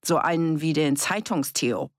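A woman's voice: low voice, normal speed, no echo, studio quality, lightly acted. A woman doing a furious scornful farm woman. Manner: sharp, scolding, sneering.

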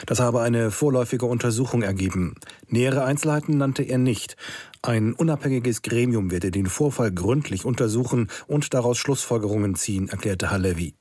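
A man reading a radio news report in an even, formal way. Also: mid-range voice, moderate pace, breathy edge, no echo.

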